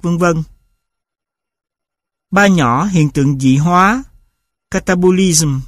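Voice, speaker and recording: A man reading a scripted linguistics lecture, spelling out sounds and example words one at a time in a slow, measured way. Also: a little high, no echo, clean studio sound.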